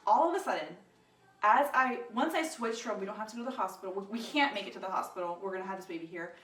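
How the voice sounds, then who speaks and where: A woman's voice: fast talker, distant mic, slight background noise. Young woman, casual storytelling vlog, acts out quotes, roomy echo, a bit off-mic. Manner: animated, acts out quoted lines with rises in pitch and volume. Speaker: vlogger telling her birth story.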